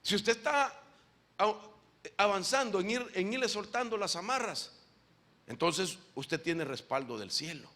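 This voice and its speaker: Preacher, male, high and gravelly, bright edge, lively and animated sermon delivery. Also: unhurried. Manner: animated preaching, often calling listeners "brother"; asks the audience questions directly. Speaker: apostle preaching to a congregation.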